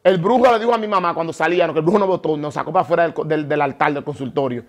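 A man giving an animated conversion testimony, often restarting and repeating words as he tells it. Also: fairly high pitch, racing. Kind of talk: emotional testimony.

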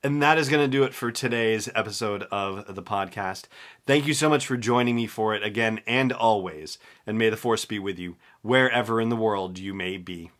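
Speaking at a normal pace, a man in his forties delivers relaxed solo podcast commentary from a room at home. His pitch is fairly low and his tone fairly bright.

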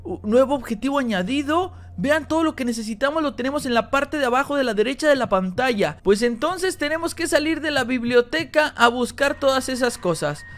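Brisk and with few pauses, this man's very high-pitched voice narrates his Let's Play of a horror game as a gaming YouTuber. Translating the game's dialogue aloud, he addresses his audience as "chicos," and when he gets scared he yelps and says words over and over.

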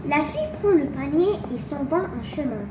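A high-voiced woman reading a fairy tale aloud for a school puppet show. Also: background noise. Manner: slow, very lively storybook reading. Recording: roomy, faint background ambience.

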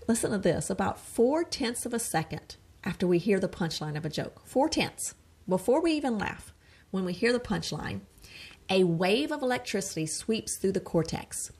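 A woman's voice: mid-range voice, big pitch swings, moderate pace, a little mellow, breathy edge. A woman occupational therapist presenting a wellness webinar in a chatty, earnest way, with asides and restarts.

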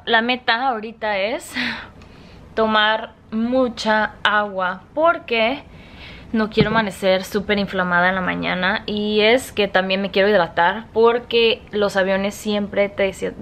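A young woman with a Mexican Spanish accent chats casually to her vlog camera at night, relaxed and unhurried. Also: mid-range voice. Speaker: vlogger.

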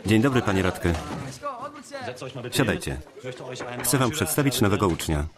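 A man's voice: lowish voice, unhurried, crowd noise. Man reading a film voice-over. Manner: reads every character's lines in one steady voice. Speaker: voice-over reader.

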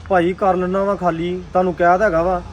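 A man playing a defensive young husband, quick talker. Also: high voice, level tone, a little hiss or hum, close to an everyday voice. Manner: defensive, pleading. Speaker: husband in a family drama.

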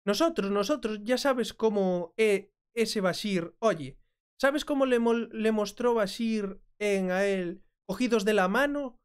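A woman's voice: medium pitch, slow pace, clear, resonant tone. Spanish-speaking woman narrating video commentary. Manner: conversational, frequent checking "¿mm?". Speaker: commentary host. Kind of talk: reacting to and translating a video.

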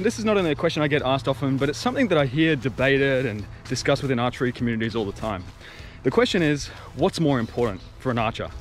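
Young man, mid-pitch, upbeat walk-and-talk vlogger addressing viewers as guys, recorded outdoors on an arm's-length camera with faint music behind. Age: young adult. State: just back from a run, walking. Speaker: archery coach and channel host. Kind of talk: casual walk-and-talk vlog. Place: outdoors on a wooded bush trail. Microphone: camera held at arm's length.

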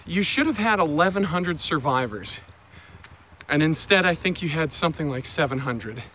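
A young adult male vlogger walks city streets and trails, talking casually into a phone or camera held at arm's length and musing aloud with frequent fillers. His voice is fairly high, animated, bright and forceful at a moderate pace, with traffic and outdoor street ambience behind him.

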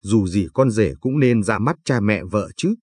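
A man's voice: on the low side, animated, measured pace, a little mellow, breathy edge, dry recording. A man voicing a cheeky, carefree young village man in a told story, speaking in a teasing, playful way.

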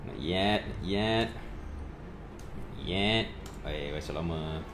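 A man's voice: sits low, slow pace. A man chatting casually in short, clipped phrases while playing an online game. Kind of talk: casual gaming chat. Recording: faint background noise.

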